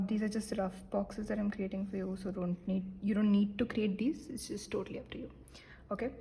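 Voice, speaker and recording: Young woman talking thru a painting lesson, mellow voice, lots of ums and little whispered bits, faint room hiss. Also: medium pitch, rough recording. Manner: relaxed, self-deprecating, many fillers, drops into soft whispered asides. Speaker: art teacher. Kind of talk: casual painting tutorial.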